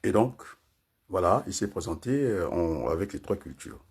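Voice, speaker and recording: Older man, husky, lively pitch, rambling talk with lots of tag questions. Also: normal speed. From Congo. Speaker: political commentator. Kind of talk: casual political talk.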